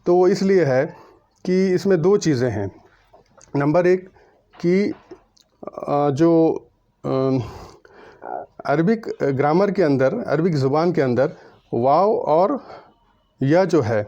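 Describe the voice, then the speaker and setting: A man giving a lecture on Arabic letters, pausing often with fillers and reciting letters slowly. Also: a little high, warm tone, dull audio. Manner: many hesitation fillers, mixes English terms. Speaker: Arabic grammar teacher.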